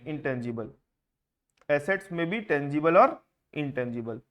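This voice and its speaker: A man's voice: on the high side, expressive, a little slow, fairly bright tone. A man teaching an accounting class in Hindi, often asking his students questions and mixing in English terms. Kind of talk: classroom lecture.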